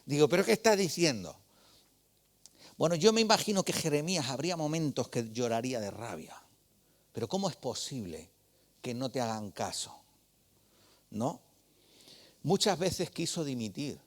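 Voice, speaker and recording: A man's voice: mid-range voice, very animated, moderate pace, long pauses. A man preaching a sermon, telling stories in a conversational way and asking the congregation rhetorical questions.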